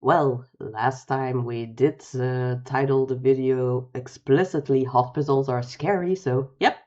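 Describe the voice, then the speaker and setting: A woman's voice: rumbling low, steady tone, measured pace, a little mellow, dull audio. A woman hosting a video reaction show, chatting informally with filler words. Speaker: host. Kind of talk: casual reaction commentary.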